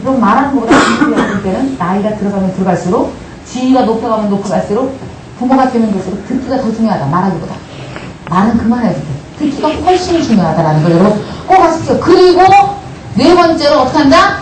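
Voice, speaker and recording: Lively female lecturer, high voice, animated delivery acting out family scenes, distant mic in a roomy, noisy hall. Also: quick pace. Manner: animated, acts out family dialogues with the audience. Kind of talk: lively lecture to a live audience. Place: large hall with audience.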